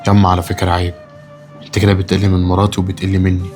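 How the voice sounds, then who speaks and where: A man's voice: low-pitched, completely flat delivery, very fast, darkish tone, faint music behind, close to an everyday voice. An actor playing a son who defends his wife against his mother, speaking with an Egyptian Arabic accent. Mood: pleading. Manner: pleading, defensive, rising to anger. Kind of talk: short web drama acting.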